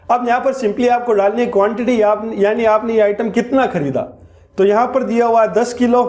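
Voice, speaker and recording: High-pitched male tutor, screen-recording lesson, methodical step-by-step delivery. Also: darkish tone. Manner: step-by-step explaining, slows down for key terms. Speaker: accounting software teacher.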